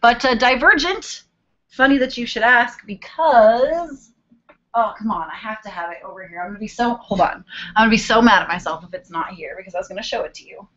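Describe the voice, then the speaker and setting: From a small bedroom, a vlogger in her twenties chats loosely through a webcam video call, humming as she looks for the next viewer question. She speaks a little fast in a fairly high, bright, animated voice, and the sound quality is somewhat dull and lo-fi.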